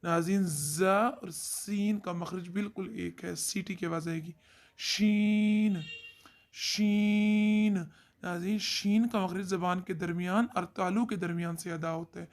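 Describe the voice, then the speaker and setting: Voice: medium pitch, fairly even intonation, moderate pace, hardly any pauses. A Quran recitation teacher giving a tajweed lesson, explaining where each letter is sounded and drawing out demonstrations of the letters. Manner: addresses viewers directly and often.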